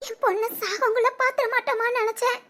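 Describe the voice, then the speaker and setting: A high, soft voice of a remorseful middle-aged mother, as a woman puts her on. She speaks quietly and apologetically. This is cartoon voice acting. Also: steady tone, quick pace.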